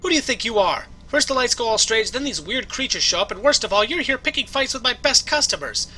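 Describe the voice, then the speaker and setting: A huffy young waitress, as a man puts her on, scolding in a high, swooping voice. She turns gushing and doting, bright and animated throughout. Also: fast, slight background noise, full character voice, poor audio. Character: indignant, fawning young woman waitress.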